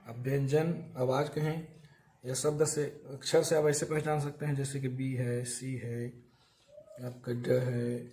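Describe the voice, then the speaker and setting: A man's voice: mid-range voice, level tone, unhurried, mellow, slight background noise. A man teaching an English grammar lesson, explaining step by step and asking and answering his own questions.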